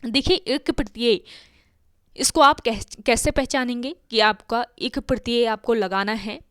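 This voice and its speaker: A woman's voice: on the high side, unhurried, clean tone, no room sound, studio quality. A woman teaching an exam-prep grammar lesson, explaining step by step and answering her own questions.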